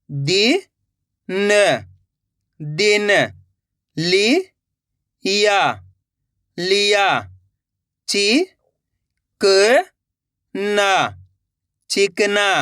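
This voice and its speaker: A man's voice: sits high, sharp tone, clean tone, no room sound, studio quality. A man teaching children's reading, sounding out each syllable and then blending it into the word, encouraging his viewers as friends. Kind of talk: slow syllable-by-syllable reading lesson.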